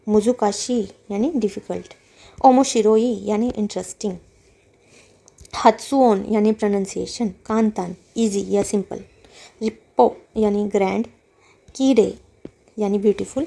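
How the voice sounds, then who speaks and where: A woman's voice: mid-range voice, gravelly, mellow. A woman teaching a Japanese lesson, patiently reading words and explaining each one with repetition and translation.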